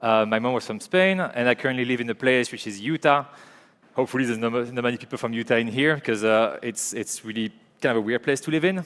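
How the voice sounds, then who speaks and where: A man's voice: mid-range voice, quick pace, fairly bright tone, in a large hall. A man in his forties with a French-speaking Belgian accent, giving a conference talk in a casual, hesitant way with many fillers and restarts. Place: large conference hall.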